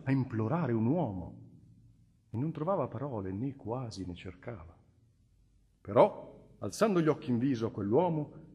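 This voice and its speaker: Male audiobook narrator, husky, measured and expressive, long hall reverb. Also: mid-range voice. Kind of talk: scripted literary narration.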